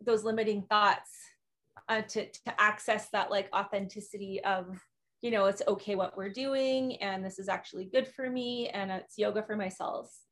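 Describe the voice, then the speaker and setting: A woman's voice: medium pitch, steady tone, moderate pace. A woman guest on a podcast interview, explaining emotional tools in an earnest, conversational way, full of "like" and "um". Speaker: guest, emotional wellness coach.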